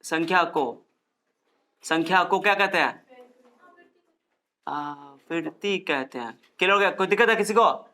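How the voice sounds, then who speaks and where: A man's voice: on the high side, unhurried, pauses often, pushed and bright. A male physics teacher lecturing a classroom, repeating key terms and firing questions at his students.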